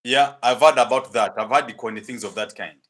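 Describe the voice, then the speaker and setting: A man hosting an interview, asking his questions hesitantly with many pauses and restarts. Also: medium pitch, a bit bright. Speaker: interviewer, host. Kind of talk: interview, mixing English and Luganda.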